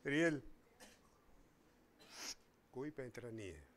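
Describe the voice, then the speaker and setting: A man giving a lecture on acting to students, animated, talking to the audience directly and acting out examples. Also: mid-range voice, slow pace, slight background noise. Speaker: acting teacher at a seminar.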